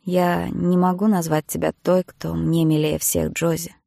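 An earnest young marine pleads tenderly with the woman he loves, voiced by a female audiobook narrator. His lines come out warm and slightly gravelly. The recording is close and dry. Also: on the low side, level tone, unhurried, no echo.

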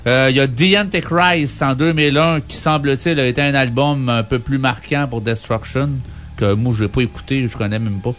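A man's voice: medium pitch, brisk, fairly bright tone. A man with a Quebec French accent co-hosting a music show, reviewing albums casually with an informal, wry, joking manner.

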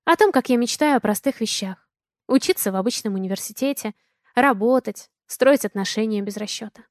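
A young woman narrating a romance novel in the first person with a lively, expressive reading. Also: fairly high pitch, fairly quick, no room sound, studio quality. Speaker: audiobook narrator.

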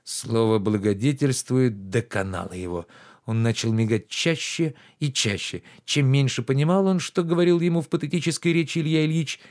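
A man narrating a classic novel aloud in a measured, even storytelling voice. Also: medium pitch. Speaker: audiobook reader. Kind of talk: scripted literary narration.

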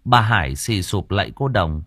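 A man narrating an audiobook story in an expressive storytelling manner. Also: low voice, normal speed, breathy edge, no echo, clean studio sound. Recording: narration with faint music.

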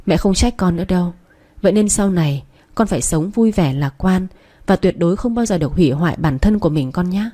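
A loving middle-aged mother, voiced by a woman narrator, speaks gently and with quiet firmness. Her voice sits low and sounds mellow and warm. The delivery stays soft and soothing. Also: animated, a little fast. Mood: tender.

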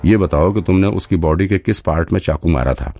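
A man's voice: low-pitched, fairly quick, dark tone. A man voicing a confident male detective who questions a suspect with firm, probing questions, in an audiobook.

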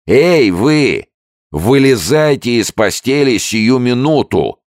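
A man's voice: lowish voice, big pitch swings, moderate pace, dry recording, studio quality, voice pushed up. A bellowing army sergeant, as a man reads him. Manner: shouted orders. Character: barking male army sergeant, harsh and bullying.

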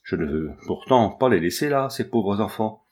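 A man with a lowish, expressive, fairly everyday voice plays a poor elderly woman who picks rags, at a moderate pace. She starts out gruff and scolding, then softens into coaxing kindness.

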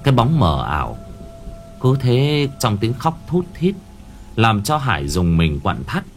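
Expressive male storyteller with a lively pitch. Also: measured pace, faint music behind. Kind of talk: scripted ghost story narration.

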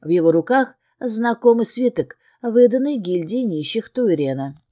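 A woman reads a first-person fantasy audiobook aloud. Her voice is mellow and warm, at a middle pitch, and her reading is expressive and emotionally engaged. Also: normal speed. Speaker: audiobook narrator.

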